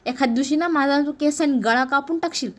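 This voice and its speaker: A woman's voice: high voice, fairly quick, close to an everyday voice. Worried young husband muttering to himself, nagging, lady narrator doing his voice. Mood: fretful. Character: anxious fretful young husband.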